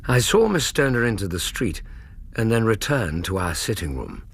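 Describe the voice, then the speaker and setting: A man acting a detective's doctor companion who narrates a radio drama in a husky, measured, literary way. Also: on the low side, sing-song, heavily acted. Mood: measured narration.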